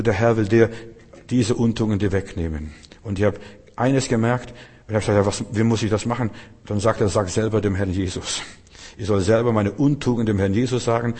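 A man delivers a rambling sermon, stumbling over and repeating words as he tells his story. His voice is low and husky. A long hall reverb trails behind every phrase. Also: a little mellow. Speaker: preacher.

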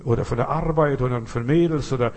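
This preacher talks fast in a darkish, mid-range voice. He speaks directly to the listener, repeatedly asking "you understand?", and his delivery spikes with sudden bursts of emphasis.

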